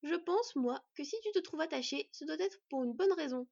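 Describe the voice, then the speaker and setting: A woman's voice: mid-range voice, monotone, very fast, vocal fry, warm tone, slightly rough, no room sound. A woman reading an audiobook, voicing a brash teenage boy who speaks in a blunt, defiant way. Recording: dry, slightly dull recording.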